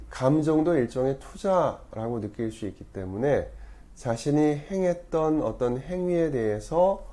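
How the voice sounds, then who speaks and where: Calm and measured, a mellow-voiced priest explains his teaching, frequently stopping to reword or fix a phrase partway through. He punches important words with abrupt jumps in pitch and volume.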